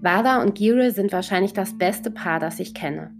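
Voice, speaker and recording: A woman narrating a first-person novel in a calm, measured reading voice. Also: mid-range voice. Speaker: audiobook narrator. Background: faint guitar music.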